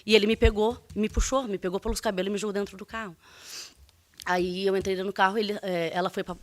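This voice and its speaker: A woman testifies as a defendant in court, with a voice of ordinary middle pitch. She speaks haltingly and earnestly, with frequent fillers and restarts. Her tone stays defensive. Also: steady tone.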